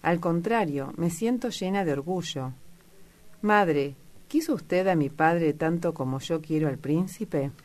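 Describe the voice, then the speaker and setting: A woman's voice: sits low, measured pace, a little mellow. A woman reading as a giddy, lovestruck young girl. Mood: earnest. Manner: eager, breathless exclamations. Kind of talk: audiobook character reading.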